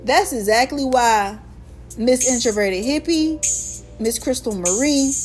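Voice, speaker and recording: A young American woman hosts her own solo podcast, telling stories in a candid, animated way packed with slang and swearing. Her voice is a little high and her pace measured, with faint music in the background.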